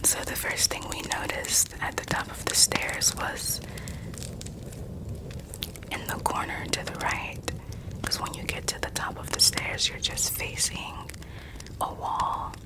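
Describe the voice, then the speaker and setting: A person telling stories in a soft, breathy ASMR whisper, lingering over words and softly repeating some of them. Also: a little slow, long pauses. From United States. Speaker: ASMR creator.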